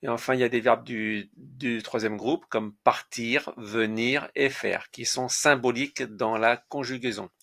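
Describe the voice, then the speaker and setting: Guy teaching french conjugation, slow and careful, a bit of fry in the voice, spells out endings. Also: mid-range voice, fairly even intonation, fairly bright tone. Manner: slow, deliberate, spells out word endings letter by letter. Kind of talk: French grammar lesson.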